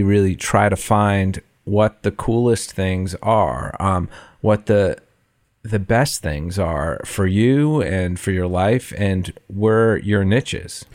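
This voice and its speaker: A man co-hosting a podcast in casual chat, rambling with restarts and frequent laughs. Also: lowish voice. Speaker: podcast co-host.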